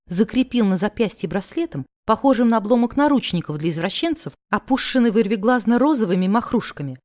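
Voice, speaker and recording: A woman narrating a first-person novel chapter in a sardonic, lively way. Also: mid-range voice, dry recording, clean studio sound. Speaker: audiobook narrator.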